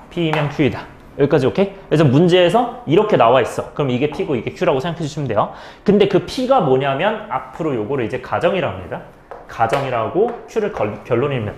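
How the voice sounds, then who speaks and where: A male math teacher with a medium-pitched, darkish voice gives a step-by-step lecture in an echoey room with a little hiss or hum. He asks questions and answers them himself, and he keeps checking in with his students by saying "okay?".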